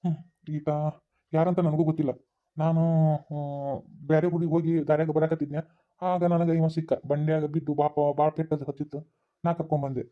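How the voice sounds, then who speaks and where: A man's voice: on the high side, close to an everyday voice. A man voicing a sorrowful village father. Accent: North Karnataka Kannada. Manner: slow, flat and sorrowful. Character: middle-aged village father, sad and confessing. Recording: tinny phone-like sound.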